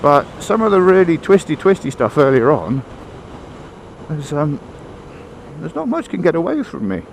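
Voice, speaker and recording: A man's voice: a little high, sing-song, normal speed, gravelly, slight background noise, poor audio. A man chatting casually while riding a motorbike, talking into a helmet mic in a waffly, self-deprecating way. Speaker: motorcycle vlogger. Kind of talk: casual rambling chat.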